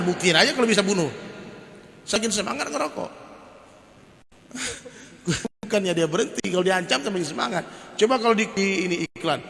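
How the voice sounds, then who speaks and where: A man preacher giving a lively, joking sermon full of stories, often turning to his listeners. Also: high-pitched. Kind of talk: humorous sermon with storytelling. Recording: reverberant hall.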